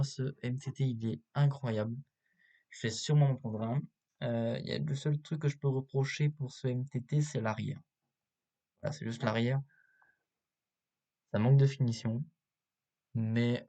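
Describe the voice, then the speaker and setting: A man giving casual, unscripted video commentary as a host, halting often with filler sounds, recorded on a cheap built-in laptop microphone. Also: mid-range voice, mellow. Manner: hesitant, halting delivery with many filler pauses. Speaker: YouTube host reviewing toy sets.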